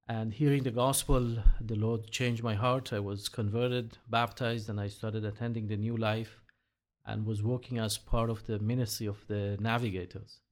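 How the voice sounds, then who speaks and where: An earnest middle-aged Israeli man, appearing as an interview guest, speaks in a lowish voice with a level tone. The talk is a conversational interview, and he pauses often with "uh."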